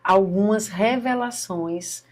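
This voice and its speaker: A woman's voice: mid-range voice, slow pace. A Brazilian woman hosting a faith podcast, encouraging and speaking straight to her viewers. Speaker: podcast host. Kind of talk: podcast interview.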